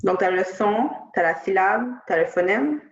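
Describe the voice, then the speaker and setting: A woman's voice: medium pitch, lively intonation, moderate pace. A woman student reasoning aloud tentatively as she answers the teacher's questions. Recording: echoey, dull lo-fi sound.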